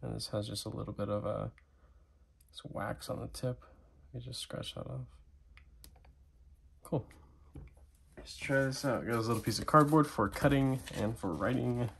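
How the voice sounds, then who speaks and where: A man chatting casually through an unboxing vlog, thinking aloud with relaxed fillers. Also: medium pitch, moderate pace, creaky, long pauses, a little hiss or hum. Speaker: knife and gear reviewer.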